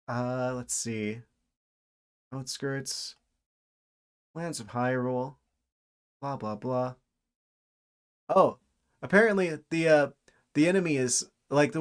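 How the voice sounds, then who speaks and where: A man giving casual live commentary as a game streamer, thinking aloud in a halting way. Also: mid-range voice. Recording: video game music behind voice. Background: video game music.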